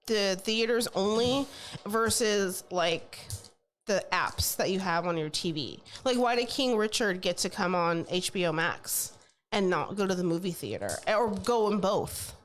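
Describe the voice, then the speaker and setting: A woman's voice: medium pitch, animated, a little slow. A woman chatting informally as a podcast co-host, with lots of "like" and some swearing. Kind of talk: casual chat.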